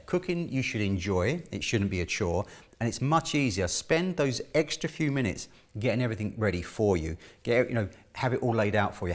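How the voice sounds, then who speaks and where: A middle-aged man giving a casual cooking demonstration, chatty and instructional, often checking in with the listener. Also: on the low side. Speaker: chef presenting a cooking lesson. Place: indoor kitchen studio.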